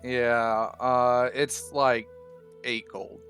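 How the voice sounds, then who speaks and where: A man's voice: mid-range voice, extremely slow, music in the background. A man playing a tabletop game, chatting casually and pleading in character. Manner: lively, in-character persuasive. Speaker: player.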